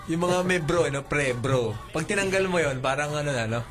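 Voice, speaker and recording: Male host, playful teasing interviewer, slightly high voice, music playing underneath. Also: a little fast, a bit bright. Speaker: radio host. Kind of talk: casual chat interviewing a band. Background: background music.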